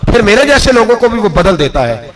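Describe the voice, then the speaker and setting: A preacher voicing a wealthy governor who earnestly reassures a widow. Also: male voice, sits high, sing-song, a little fast, voice pushed up. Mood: reassuring. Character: wealthy, softened male provincial governor.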